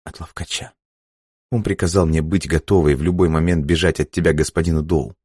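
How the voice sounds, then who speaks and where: A man reading an audiobook voices a frightened young woman who confesses in a soft, near-whispered voice and breaks into desperate cries. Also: a bass voice, fairly even intonation, quick pace, slightly rough, no room sound, clean studio sound. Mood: fearful hushed. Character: frightened young woman agent, tearful and pleading.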